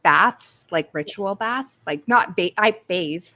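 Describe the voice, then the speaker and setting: A Canadian woman with a Canadian accent, talking in a rambling casual chat full of "like" and quick laughs, as co-host. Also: medium pitch, animated, bright, forceful tone. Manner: rambling, heavy use of "like", frequent laughs.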